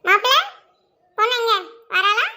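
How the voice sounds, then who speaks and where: A woman doing a brisk, bossy middle-aged mother, very high and bright voice, comedy sketch acting. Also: heavily acted. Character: fussy middle-aged mother visiting her married daughter.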